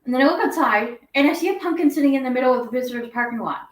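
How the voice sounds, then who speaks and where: A woman's voice: sits high, lively intonation, racing, slight background noise. Chatty woman in an echoey room. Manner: rambling, chatty, reads viewer comments aloud. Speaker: guinea pig channel host. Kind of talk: casual livestream chat.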